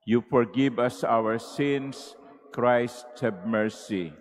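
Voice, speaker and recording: A man, a priest speaking at a pulpit microphone and leading Mass prayers in a slow, measured, solemn way. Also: mid-range voice. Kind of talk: liturgical prayers and greeting. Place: large cathedral. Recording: long cathedral reverb through the church sound system.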